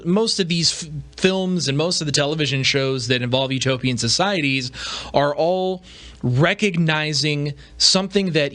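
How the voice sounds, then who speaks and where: Talking on his own podcast, this man gives relaxed, conversational commentary sprinkled with rhetorical asides. His voice is medium in pitch and fairly bright.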